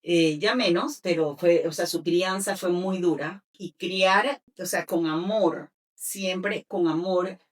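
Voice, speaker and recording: A woman's voice: fairly low pitch, takes it slowly, few pauses, far from the mic. A woman sharing a personal testimony as an interview guest, with many fillers and restarts.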